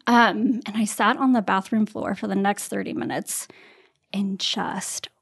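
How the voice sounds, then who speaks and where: A woman's voice: mid-range voice, fairly even intonation, a little slow, vocal fry, slightly rough. A woman in her thirties, a podcast guest, telling a personal story in conversation and acting out the voices she quotes, with fillers along the way.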